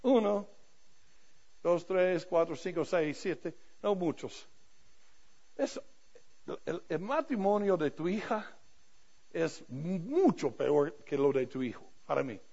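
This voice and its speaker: An older man preaches a sermon in a raised, gravelly voice. He tells self-mocking stories, drops to quiet asides and then climbs to loud emphatic points. The recording sounds dull and lo-fi. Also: fairly high pitch, animated, takes it slowly, long pauses. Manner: storytelling with self-deprecating humor, swinging from soft to loud. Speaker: pastor.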